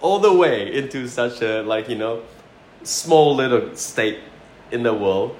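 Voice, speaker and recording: Here the chef's voice is mid-range, with lively intonation and a measured pace. Born in Sarawak, Malaysia, and later living in New Zealand, he recounts stories in a relaxed, informal interview, repeating phrases along the way, over a roomy echo and loud background noise.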